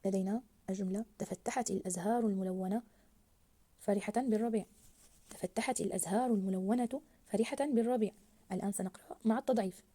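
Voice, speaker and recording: A woman teaching a grammar lesson to young children, slowly stretching out words as she models them and praising her pupils. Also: medium pitch, fairly even intonation, mellow.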